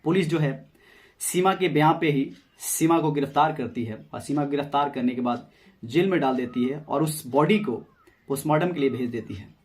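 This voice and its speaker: Male true-crime storyteller, casual chatty delivery, slightly high pitch. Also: moderate pace. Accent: Hindi. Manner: conversational, repeats phrases, addresses viewers as friends.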